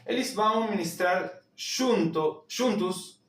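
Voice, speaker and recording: Argentine male teacher, higher voice, slow patient delivery, drills words over and over. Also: echoey room, distant mic. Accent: Argentine Spanish. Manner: repeats each word slowly, drilling pronunciation. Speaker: language teacher. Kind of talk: slow spoken lesson.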